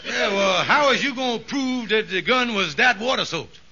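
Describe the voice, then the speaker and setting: A boastful, wheedling male schemer in an old radio sitcom, with a high, very bright voice. He blusters and talks fast. The old recording is dull with a faint hiss. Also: expressive, exaggerated voice. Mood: scheming. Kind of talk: 1950s radio sitcom acting.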